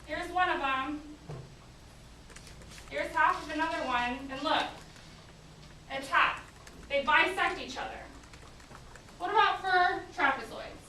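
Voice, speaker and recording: A woman's voice: sits high, a little slow, pauses often, sharp tone. A woman speaking as a teacher to her class, firm and directive, checking that students respond. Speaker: geometry teacher. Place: indoor classroom. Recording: echoey classroom, distant mic, faint noise.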